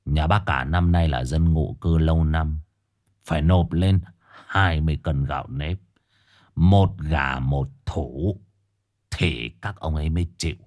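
A man's voice: extremely low pitch, a little slow, darkish tone, voice pushed down. A man voicing a drunk, menacing male village enforcer who slurs and drawls his threats.

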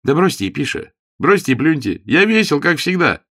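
A man's voice: on the low side, normal speed, fairly bright tone, no echo, clean studio sound, voice pushed up. A man reading an audiobook voices a cheerful young secretary who talks in a hearty, breezy way. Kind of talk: audiobook character voice.

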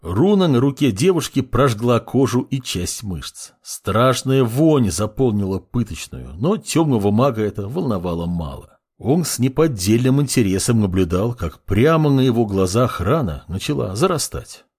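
A man narrating a dark fantasy audiobook in a dramatic, expressive storytelling manner. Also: medium pitch, normal speed, hardly any pauses, slightly rough. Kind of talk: scripted narration.

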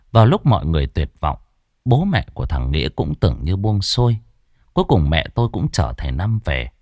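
A man narrating a ghost story in an expressive storytelling manner. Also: deep voice, no room sound, studio quality.

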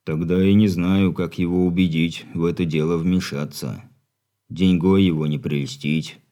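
A man's voice: sits low, steady tone, moderate pace, warm tone, voice pushed down. A man reading an audiobook, voicing an older grandfather who speaks earnestly and subdued. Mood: troubled.

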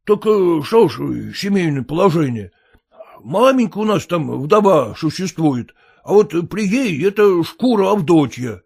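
A man voicing an illiterate, clumsy peasant who pleads in rustic, halting speech with fillers. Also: high-pitched, sing-song, gravelly, darkish tone, husky, voice pushed up, full character voice. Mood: pleading.

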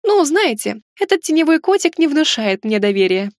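Woman narrator voicing a nervous young lady heroine, high, bright, exclamatory. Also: sing-song, moderate pace, no room sound, studio quality. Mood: anxious. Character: flustered young noblewoman heroine, frightened.

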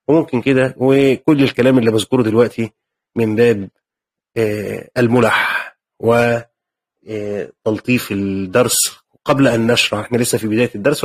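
A man's voice: medium pitch, slightly rough. A man with an Egyptian accent teaching a lesson on a Quran commentary, explaining conversationally and checking in with his students. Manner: conversational, asks the class questions and explains. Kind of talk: lecture.

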